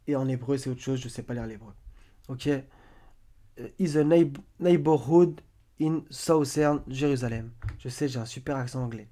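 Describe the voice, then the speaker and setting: A man talks through his points in a loose, explanatory way, with plenty of hesitation and restarted phrases. His voice is warm and mellow, at an ordinary pitch for a man. He keeps turning to the listener and urging them to think for themselves. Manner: hesitant, many fillers and restarts, often asks listeners to question things. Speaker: video commentator. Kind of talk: casual explanatory commentary, reading verses aloud.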